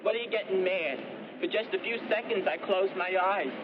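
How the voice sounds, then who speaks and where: Whiny night lookout, man in the role, pitched high, defensive complaints, dull vintage track. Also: normal speed, lightly acted. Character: grumbling male lookout on a night watch. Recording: dull old film soundtrack with street noise.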